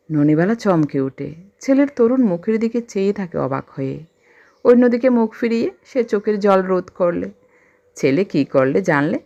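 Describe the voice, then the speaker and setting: A woman storyteller reading a classic story aloud with an expressive, emotional delivery. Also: medium pitch, muffled recording.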